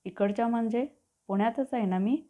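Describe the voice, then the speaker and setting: A woman's voice: fairly high pitch, brisk, mellow, lightly acted. A woman voicing a bewildered modern young woman who fires off blunt questions, in a storybook reading. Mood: impatient. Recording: tinny phone-like audio.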